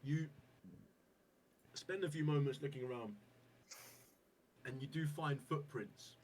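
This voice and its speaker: A man's voice: medium pitch, slow pace. A man narrating as game master of a tabletop game in a playful, often laughing way. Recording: distant mic with faint background noise.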